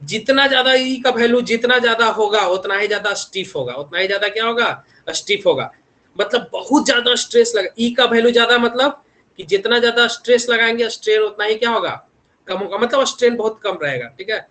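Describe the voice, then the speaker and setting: Young guy a high voice, lilt, teaching engineering online, keeps asking if everyone got it. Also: brisk, sharp tone. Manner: repeats tag questions constantly, homely examples.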